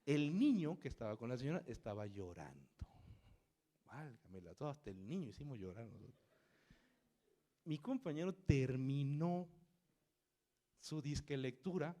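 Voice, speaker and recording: Animated man preaching a story sermon. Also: mid-range voice, moderate pace, pauses often. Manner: animated, dramatic storyteller acting out voices.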